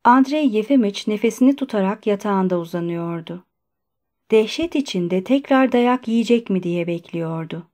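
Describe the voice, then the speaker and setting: A woman narrating a classic novel in a calm, measured storytelling voice. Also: medium pitch. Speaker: audiobook narrator. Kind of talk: scripted narration.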